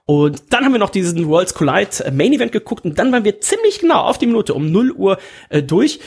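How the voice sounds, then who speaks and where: A man's voice: sits high, sing-song, fast talker, gravelly, breathy edge. A man hosting a casual wrestling chat, telling stories in a rambling way with many fillers and restarts. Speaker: podcast host.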